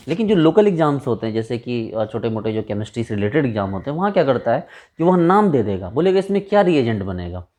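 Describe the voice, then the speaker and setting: Guy teaching chem, laid-back, keeps asking the class questions, mellow warm tone. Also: medium pitch. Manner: informal, rhetorical questions, addresses students as brother. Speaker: chemistry teacher. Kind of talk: casual blackboard lecture.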